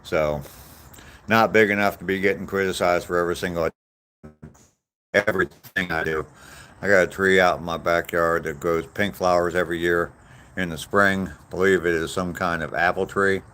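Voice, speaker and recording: A man in his sixties, vlogging on an outdoor walk, reads live chat and answers viewers in a casual, meandering, self-deprecating ramble. His low voice is bright, forceful, clear and resonant, holding a steady tone at a moderate pace.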